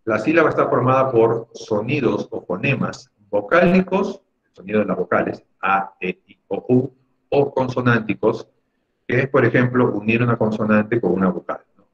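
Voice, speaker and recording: Male teacher, patient and explanatory, middle pitch, dull lo-fi video call sound. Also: expressive, moderate pace. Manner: patient, explanatory, often asks "¿no?". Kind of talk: online class lecture. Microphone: video call microphone.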